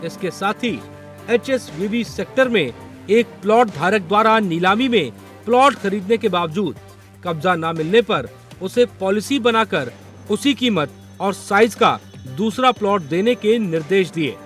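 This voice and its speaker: A man's voice: sits high, lively intonation, unhurried, a bit bright, faint music behind. A man reading a scripted news report in a formal, reportorial way.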